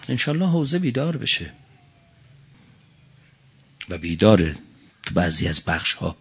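A man's voice: on the low side, big pitch swings, husky. Male cleric preacher, fiery sermon, dull lo-fi sound. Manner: fiery oratory, swinging from quiet to shouting; chants Arabic quotations slowly. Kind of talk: religious sermon.

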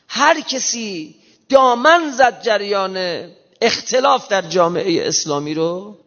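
A man giving an emphatic sermon in casual everyday speech, slowing down to recite scripture. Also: high-pitched, a bit bright. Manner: emphatic, quotes scripture in slow measured recitation; colloquial, explains modern slang. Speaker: preacher. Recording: muffled reverberant hall recording.

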